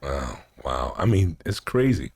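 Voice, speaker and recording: A man's voice: a bass voice, big pitch swings, measured pace, creaky, darkish tone, husky. A middle-aged man, the host's father, chatting casually with many stammered restarts and laughter. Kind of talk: casual chat.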